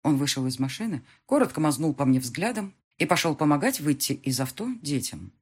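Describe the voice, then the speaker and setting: A woman narrating a first-person audiobook with emotional, intimate delivery. Her voice is low and husky, and her pitch moves widely. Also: big pitch swings, brisk, a little mellow.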